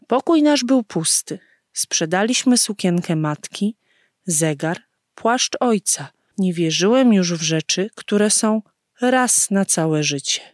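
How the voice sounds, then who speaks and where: A woman reading a story aloud slowly and expressively, giving the characters' lines their own voices. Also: mid-range voice, darkish tone, no echo, studio quality. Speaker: narrator.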